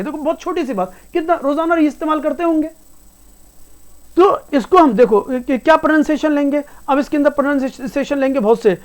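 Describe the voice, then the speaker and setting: A male English teacher giving a class lecture, explaining patiently, repeating himself and calling the students "beta". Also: very high voice.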